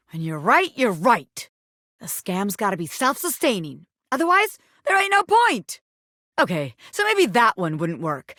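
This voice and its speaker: A woman's voice: medium pitch, a bit bright, dry recording, clean studio sound. A woman voicing a brash, flirty bobby pin gangster in a video game, a scheming criminal mastermind with cocky, street-tough wiseguy talk. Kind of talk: animated video game character acting.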